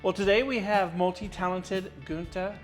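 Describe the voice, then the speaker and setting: A man's voice: high-pitched, fairly even intonation, moderate pace, over music. A man hosting a design podcast, reading a scripted opening and then asking chatty questions. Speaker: podcast host. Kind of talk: podcast interview.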